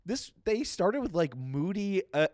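A man's voice: high-pitched, sing-song, measured pace, background noise. A man, co-hosting a music podcast in casual, rambling chat and laughing often. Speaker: podcast co-host.

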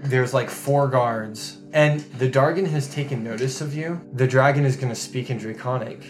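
A man's voice: mid-range voice, normal speed, faint music behind. A man narrating a tabletop game casually as the game master.

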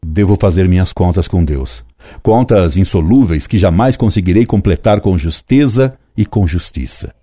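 Brief: older man in his 70s, very low dark voice, dry close sound, solemn reflective reading. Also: animated, no echo. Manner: slow, solemn, measured delivery with long pauses. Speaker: history teacher. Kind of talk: reflective scripted narration.

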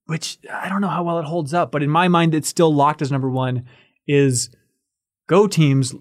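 A man's voice: on the high side, moderate pace, no echo, clean studio sound. A man hosting a podcast, chatting casually and playfully about music. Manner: animated, playful, acts out quotes. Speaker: podcast host. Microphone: studio microphone.

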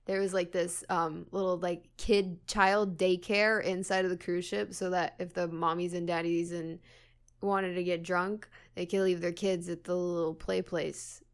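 A twenty-something woman co-hosts a podcast, chatting casually and wandering through stories with giggles and lots of swearing. Her lowish, smooth voice stays fairly level in pitch and moves at a measured pace.

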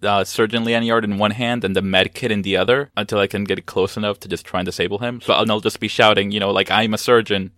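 A man with a low but bright voice thinks through his character's choices in a tabletop game. He talks casually and plans aloud. The recording is dry and close. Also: steady tone, fast talker, few pauses, no echo. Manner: thoughtful, planning aloud. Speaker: player. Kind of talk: tabletop role-play, explaining his moves.

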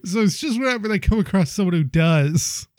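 A man's voice: high voice, animated, brisk, a little mellow, no echo. A young man co-hosting a podcast, brainstorming casually with lots of fillers, restarts and laughter. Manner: rambling, laughs often, many fillers and restarts. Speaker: podcast co-host.

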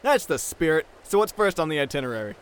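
A man's voice: on the high side, sing-song, fast, slight background noise. A man playing a stammering cheeky soldier. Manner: stammering, wry. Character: hesitant, cheeky young male soldier. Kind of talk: comedic audio drama.

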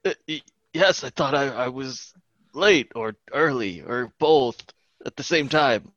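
A man's voice: medium pitch, measured pace, a bit bright, dull audio. A man chatting casually and improvising as a player in a tabletop game. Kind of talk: casual chat, improvised role-play.

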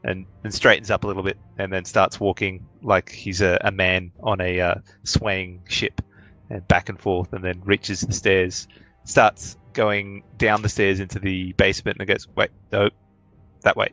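A man's voice: sits low, flat delivery, moderate pace, bright, forceful tone, soft background music, poor audio. A man narrating playfully as game master of a tabletop game.

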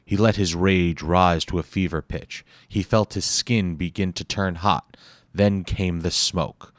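A man narrating an audiobook chapter in a measured, dramatic reading style. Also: deep voice, fairly even intonation, no echo.

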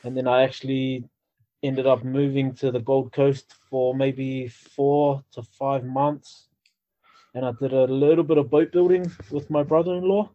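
A man's voice: medium pitch, flat delivery, unhurried. A man with a New Zealand accent chatting casually as a podcast guest, laid-back and informal, on a slightly dull, lo-fi recording. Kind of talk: casual chat.

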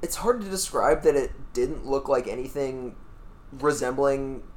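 A man's voice: medium pitch, measured pace, darkish tone. A man co-hosting a podcast in casual chat, often hesitating and restarting his sentences. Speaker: podcast co-host.

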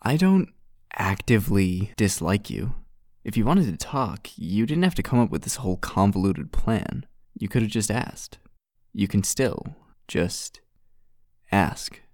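A man's voice: fairly low pitch, sing-song, unhurried, darkish tone, no room sound, studio quality. An actor playing a young male art student who teaches, wry, blunt and self-possessed in an audio drama. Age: young adult.

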